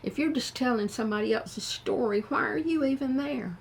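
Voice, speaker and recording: Slow-talking older Southern woman, gravelly. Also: fairly high pitch, slight background noise. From American South. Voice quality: slow and thoughtful. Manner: frank, plain-spoken. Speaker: vlogger. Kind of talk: casual advice talk to camera.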